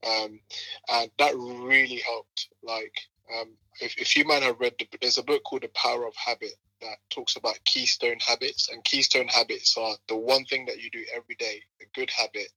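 A man in his twenties with an urban London roadman accent, full of multicultural slang, tells stories casually as a podcast guest and co-founder of a running group. His medium-pitched voice moves at a moderate pace in a slangy, animated retelling with quoted exchanges. The low-quality recording has no room sound.

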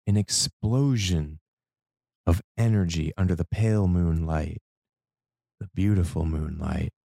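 A man performing a spoken-word poetry monologue as a host, with a dramatic, deliberate delivery in short measured phrases. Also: deep voice, creaky, dark tone, no echo, studio quality. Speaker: podcast host.

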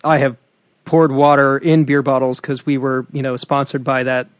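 A man's voice: mid-range voice, flat delivery, moderate pace, no room sound. Chatty man with a dry close sound. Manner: chatty, rambling with many fillers and restarts. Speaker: singer and podcast co-host. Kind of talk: casual chat explaining vocal technique.

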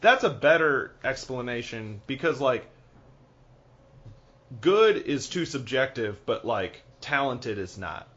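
Animated man chatting on a podcast. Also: medium pitch, takes it slowly, dull audio. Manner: animated, rambling, laughs often. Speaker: podcast co-host. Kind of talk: casual chat.

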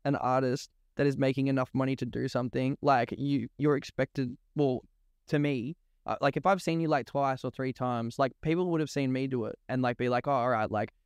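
A man's voice: medium pitch, fairly even intonation, a little fast, clear, resonant tone, dry recording. A man chatting casually as a podcast guest, blunt and sweary, peppering his talk with "like". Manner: blunt, slangy, sweary, says "like" constantly. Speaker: music artist being interviewed.

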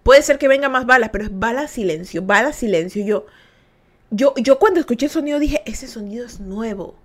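A young woman from Ecuador, hosting a podcast and telling a story to listeners in a casual, animated way. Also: fairly high pitch, brisk. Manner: animated, acts out voices and laughs while telling. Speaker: podcast host.

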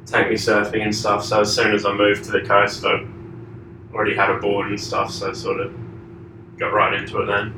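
A lowish, monotone, slightly fast male voice belongs to an Australian surfboard shaper in his thirties giving a casual conversational interview. He answers in a laid-back, rambling way, his replies trailing off and full of filler. The recording is distant and echoey, made in an indoor shaping room with faint noise.

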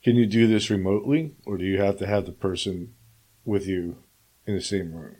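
A man hosting an interview, asking measured questions and offering short murmured acknowledgments. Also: sits low, warm tone.

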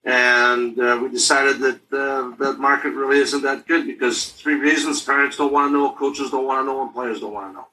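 A man in his sixties from Canada, speaking as a podcast guest in a businesslike way, with a bright, edgy tone. He pauses often on "uh" while he talks. His voice sounds set back from the mic, with a faint hiss behind it. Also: mid-range voice, steady tone, distant mic, rough recording. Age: 60s. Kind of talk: casual interview.

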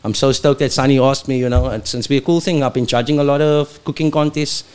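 A man's voice: mid-range voice, fairly even intonation, quick pace, darkish tone, smooth. A man in his early forties with a South African accent, a chef talking in a radio interview, fired-up and preachy, dropping "bruh" often. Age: 40s.

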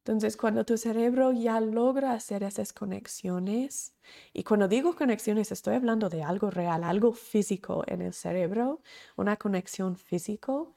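A woman teaching a recorded course in speech. Her voice carries a gravelly vocal fry at an ordinary middle pitch. She talks earnestly and repeats her key points with emphasis. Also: moderate pace, warm tone. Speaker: course instructor.

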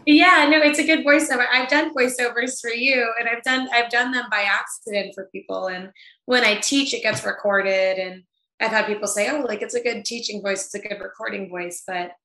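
A woman's voice: on the high side, brisk, sharp tone. A woman chatting as an interview guest over a video call, talking in a laid-back way and laughing often. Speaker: guest, event planner. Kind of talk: casual interview chat. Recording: echoey room.

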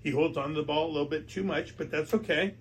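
A drunk American man hosts a casual sports talk show, speaking fast in a slightly high, steady voice. He's emphatic and repetitive and stumbles over his words, with background noise clearly audible.

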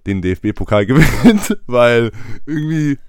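A man's voice: medium pitch, very animated, slow pace, smooth, no room sound, clean studio sound. A young man in his twenties co-hosting a podcast in casual, slangy, rambling chat, laughing often. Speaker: podcast co-host.

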